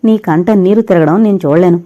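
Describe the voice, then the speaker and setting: A woman's voice: lowish voice, fairly quick, mellow, dull audio, close to an everyday voice. A woman voicing a heartbroken young man who drinks himself to ruin, speaking in pained, bitter lines that push his lost love away. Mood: anguished.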